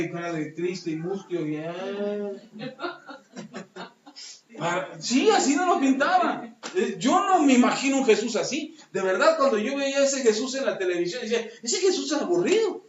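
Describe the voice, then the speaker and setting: A man preaching a sermon as pastor, lively and joking, speaking straight to his congregation. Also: high-pitched, normal speed. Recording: echoey room, dull lo-fi sound.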